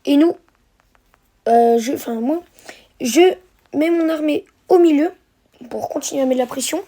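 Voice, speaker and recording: A woman's voice: high voice, a little slow, dark tone. A woman narrating a strategy game replay for viewers, hesitant, with many fillers and self-corrections. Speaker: gameplay commentator.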